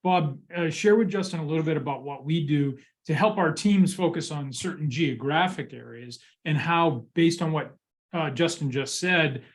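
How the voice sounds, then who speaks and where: A man's voice: a little high, normal speed. A man co-hosting a webinar, passing the question to a guest with loose, hesitant phrasing. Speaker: webinar co-host. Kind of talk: moderating a webinar.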